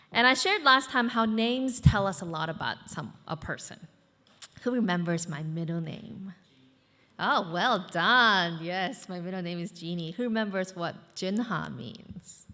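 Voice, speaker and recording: In a church hall, an American pastor in her thirties preaches a sermon conversationally, with fillers and asides to the congregation. Her fairly low voice sounds pushed and bright, trailed by a long reverb.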